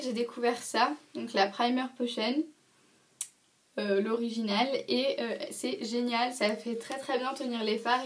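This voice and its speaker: A woman's voice: fairly high pitch, distant mic. A young woman vlogger reviewing her favourite beauty products in casual, hesitant talk full of fillers and restarts.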